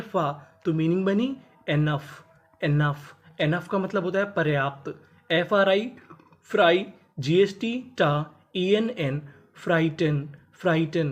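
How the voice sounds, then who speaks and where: Letter by letter, a teacher spells English words, sounds them out, and explains each meaning, always dropping the pitch on a list's final word. It's a lesson in spelling and phonics.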